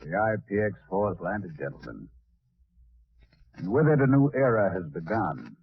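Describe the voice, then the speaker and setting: A man playing a formal, authoritative space commander in 1940s radio drama, with a crisp commanding manner. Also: lowish voice, sing-song, normal speed. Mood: solemn, triumphant. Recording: tinny old radio broadcast, music.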